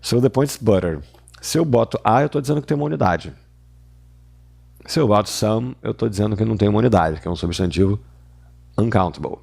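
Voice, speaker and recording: Male teacher, Portuguese speaker, very low voice with a gravelly edge, patient explainer of grammar. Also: lively intonation, a little mellow. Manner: explanatory, slows down to model English words. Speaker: English teacher. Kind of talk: grammar lesson explaining exercises.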